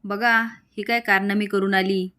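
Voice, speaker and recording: A woman voicing a suspicious old village grandmother who speaks loudly and accusingly, in a retold TV serial. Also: mid-range voice, level tone, normal speed, clean tone, natural voice.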